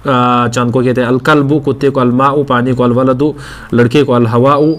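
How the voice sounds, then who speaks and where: A man teaching an Arabic lesson, explaining step by step and repeating words and letters slowly for his students. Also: mid-range voice, level tone. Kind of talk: classroom lecture.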